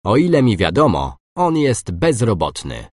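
Deep, lively male phrase reader. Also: dry recording, clean studio sound. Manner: slow, clear, reads masculine and feminine forms. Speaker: language course speaker. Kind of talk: scripted phrase reading.

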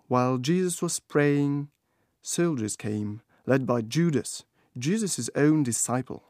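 A man narrating a scripted storybook in a calm, even way. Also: medium pitch, dry recording, clean studio sound.

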